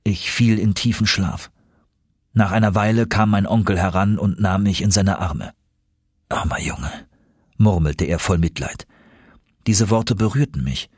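A man narrating an adventure audiobook in the first person, measured and steady. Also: on the low side, slightly rough, no room sound, clean studio sound. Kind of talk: audiobook reading.

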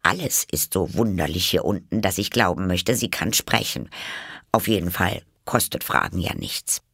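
A man's voice: low voice, moderate pace, a bit bright, husky, no room sound, clean studio sound, heavily acted. A man voicing an eager, polite little girl in a storybook reading, chattering anxiously and apologizing.

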